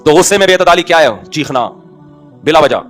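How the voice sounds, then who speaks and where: A middle-aged man preaching at a quick clip in a slightly raised voice, full of everyday stories and rhetorical questions to his audience. His delivery is casual and wry, with joking asides. Faint music sits underneath. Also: fairly high pitch, lively intonation, fairly bright tone. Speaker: Islamic scholar and preacher. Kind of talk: conversational sermon.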